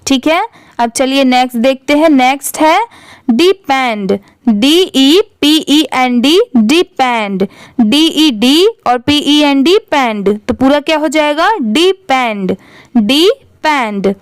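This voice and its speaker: A woman's voice: high voice, expressive, takes it slowly, dry recording, clean studio sound. A woman English teacher with an Indian accent, spelling words letter by letter and reading them out patiently. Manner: patient, repeats each word twice.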